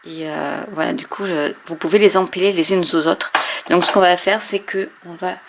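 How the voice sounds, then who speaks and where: A woman casually showing and testing inks, hesitating often with many fillers and often trailing off softly. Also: on the low side, steady tone, moderate pace, background noise. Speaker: craft video host. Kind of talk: casual product demo.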